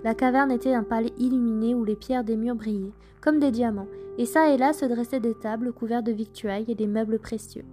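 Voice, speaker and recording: A woman narrating traditional folk tales in a measured, gentle storytelling manner. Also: on the high side, steady tone, faint music behind. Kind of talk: scripted folk tale narration.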